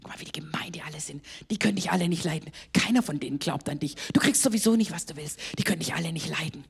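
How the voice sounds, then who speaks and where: Woman doing a devil, whispered role-play, low hushed voice, sneering tempter, gravelly edge. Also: fast talker, full character voice. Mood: taunting.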